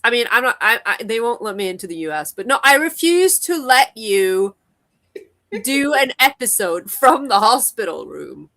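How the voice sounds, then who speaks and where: A woman's voice: on the high side, big pitch swings, moderate pace, pushed and bright. A woman co-hosting a podcast in loose, casual conversation. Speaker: podcast co-host. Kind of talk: casual chat.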